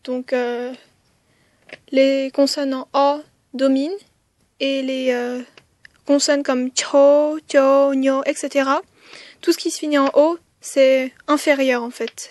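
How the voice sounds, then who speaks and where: A woman's voice: high-pitched, fairly even intonation, a little slow, no room sound, clean studio sound. A woman teaching a writing lesson step by step, with frequent "euh" hesitations and counting strokes aloud. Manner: counts strokes aloud, softly whispering some counts. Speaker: language teacher.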